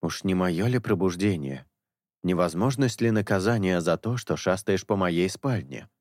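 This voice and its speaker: A man voicing a patient young priest in an audiobook, coaxing and reasoning in a low voice. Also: animated, moderate pace, darkish tone, no echo. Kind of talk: audiobook character dialogue.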